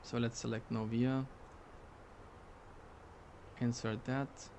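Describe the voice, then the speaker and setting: Guy streaming a flight sim, monotone n bit gravelly, muttering to himself, faint noise behind. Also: mid-range voice, takes it slowly. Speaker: flight sim streamer playing airline pilot. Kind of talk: live stream commentary, thinking aloud.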